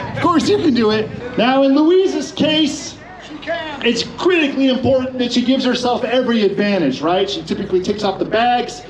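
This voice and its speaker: A man's voice: extremely high pitch, poor audio. A man presenting a live demonstration to a crowd as an instructor, with a jokey, showman-like manner. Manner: showman-like, jokey, addresses the audience. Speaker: motorcycle instructor and demonstration host. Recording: live event with crowd behind.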